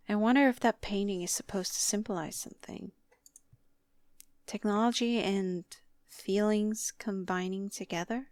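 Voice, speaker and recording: A woman hosting a let's play, reading the game's lines aloud with slow, reflective delivery and wry asides. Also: mid-range voice, no room sound, clean studio sound. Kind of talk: reading game text aloud.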